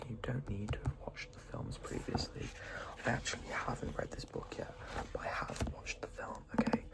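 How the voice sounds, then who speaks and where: A person in a whispered role-play as a librarian recommending books, speaking in a soft, breathy, reassuring library whisper with some creak. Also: mid-range voice, rough recording.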